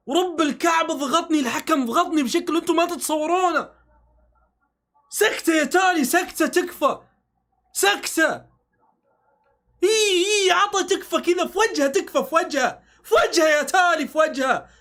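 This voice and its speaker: A man reacts live to a football match in a very high voice. He swears oaths, begs the players to score and argues with the referee as he goes. It is an excitable, emotional fan reaction. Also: moderate pace.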